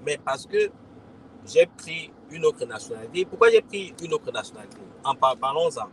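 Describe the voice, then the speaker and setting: This livestream features a crypto consultant and community host from Cameroon, a man in his forties speaking casually to followers with a Cameroonian French accent. His voice runs on the high side, sing-song, at a moderate pace, over a low-quality recording with slight background noise. Repetitive by habit, he addresses listeners as "les gars" and drops "ok?" often.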